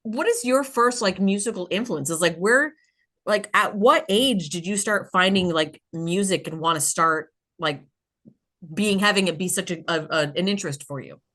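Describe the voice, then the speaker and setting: A woman's voice: fairly low pitch, lively intonation, normal speed, fairly bright tone. A woman in her forties hosting a podcast, talking in a chatty, rambling way with lots of fillers. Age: 40s. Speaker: podcast host. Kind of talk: casual interview chat.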